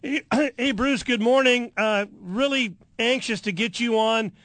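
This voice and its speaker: A man's voice: very high-pitched, a little slow, a bit bright, dry recording. A man hosting a sports radio show from a studio at a ballpark, rambling with frequent fillers as he loses his voice. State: losing his voice. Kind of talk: casual radio talk.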